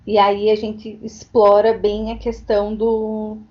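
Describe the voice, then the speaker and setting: A woman's voice: medium pitch, monotone, slow. A woman giving an online lecture as a teacher educator, explaining at length and often tagging on questions to check understanding. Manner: explanatory, frequent tag questions. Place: home, virtual meeting. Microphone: computer mic on a video call. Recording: dull lo-fi online recording.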